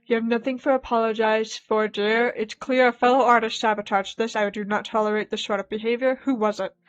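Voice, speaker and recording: A woman voicing a poised, protective female art professor in a formal, measured tone. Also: fairly high pitch, level tone, lo-fi sound, lightly acted. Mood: composed.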